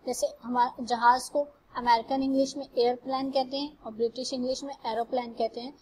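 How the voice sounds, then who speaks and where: A woman teaching English grammar, reading example sentences slowly and carefully before translating them. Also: high-pitched, level tone, a little mellow, a little hiss or hum, poor audio. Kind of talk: classroom lecture.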